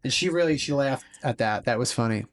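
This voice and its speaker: A man's voice: mid-range voice, lively intonation, brisk. A man in his twenties with a Philadelphia accent, chatting casually on a podcast in a profane, slangy storytelling way. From Philadelphia area, US. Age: 20s.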